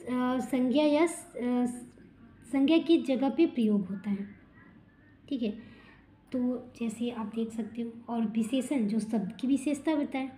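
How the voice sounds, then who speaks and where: A woman's voice: sits high, dark tone. A woman teacher explaining textbook answers step by step, asking rhetorical questions and answering them herself. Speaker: school teacher.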